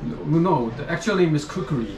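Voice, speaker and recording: A man's voice: a little high, normal speed. A middle-aged man with a Nepali accent, informally explaining his wares as a shop owner. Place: small knife shop, indoors. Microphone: camera a few steps away. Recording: roomy, noisy shop sound off camera mic.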